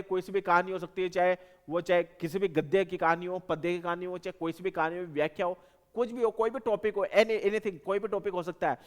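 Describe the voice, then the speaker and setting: A man's voice: sits high, in a large hall. A man teaching an exam-prep lesson, explaining step by step and repeating key points in lists. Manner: repetitive, explanatory, stresses points by listing.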